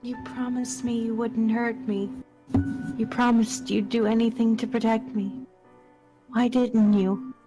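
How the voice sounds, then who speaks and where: A woman reading the part of a wounded young woman who accuses her betrayer in a dramatic table-read, repeating her words in a slow, hollow way. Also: on the high side, little pitch movement, music in the background, lightly acted. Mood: hurt, accusing.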